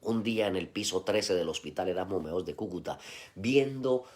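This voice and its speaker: A man's voice: low-pitched, normal speed, a little mellow. A middle-aged Colombian man preaching a sermon as pastor, impassioned, with rising and falling emphasis. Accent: Colombian Spanish.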